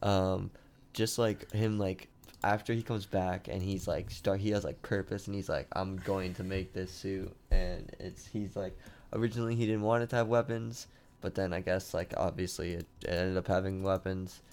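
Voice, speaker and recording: A man's voice: low-pitched, steady tone, normal speed, a little mellow, clear, resonant tone. A man co-hosting a podcast in casual chat, rambling with many fillers. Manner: rambling, heavy use of "like". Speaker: podcast co-host.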